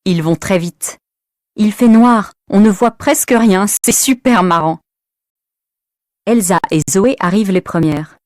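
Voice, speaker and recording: A woman's voice: mid-range voice, measured pace, darkish tone, no echo, studio quality. A woman narrating a story for language learners, reading carefully and expressively.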